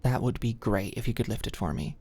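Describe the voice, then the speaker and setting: With a rumbling low, slightly rough voice and a brisk pace, a young woman acts as a nervous, awkward female medical student in an ASMR roleplay. Her manner is careful, hesitant and stammering but softly attentive, in an intimate scripted one-sided dialogue recorded on a close, dry studio-style mic.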